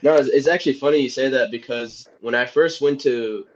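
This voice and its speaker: A man's voice: medium pitch, brisk. A young man from Egypt, a soccer player guest, talking easily and laughing often in a casual podcast interview. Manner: easygoing, laughs often, rambling. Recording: dull lo-fi audio.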